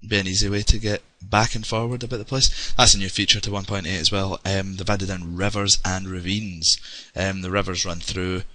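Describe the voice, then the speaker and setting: A young Scottish man with a deep voice, pushed and bright, rambles chattily through his gameplay with lots of ums. He's a let's play gamer offering casual game commentary. There's no echo on the recording.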